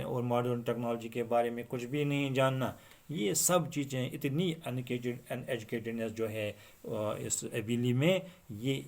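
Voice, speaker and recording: Man teaching, reading English lines slowly. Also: medium pitch. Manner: reads English lines slowly, then explains them. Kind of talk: explaining an English lesson.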